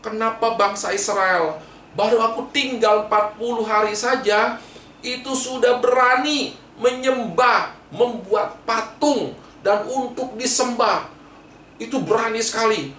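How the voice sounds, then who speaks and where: A man's voice: extremely high pitch, expressive, a little slow, bright, forceful tone, slight background noise, voice pushed up, heavily acted. Stern old prophet scolding a crowd, a man acting it out, commanding, echoey room, distant mic. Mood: angry. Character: angry old prophet scolding his people.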